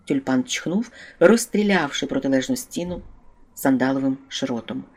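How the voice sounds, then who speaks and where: An audiobook reader narrating a comic fantasy novel in an even, steady way. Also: mid-range voice, moderate pace. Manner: even, steady storytelling with brief character voices. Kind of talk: scripted narration.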